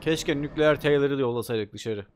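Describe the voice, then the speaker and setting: A young man playing a video game, commenting excitedly and joking as he talks to the characters on screen. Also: medium pitch, normal speed, a little hiss or hum. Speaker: gaming YouTuber. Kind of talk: let's play commentary.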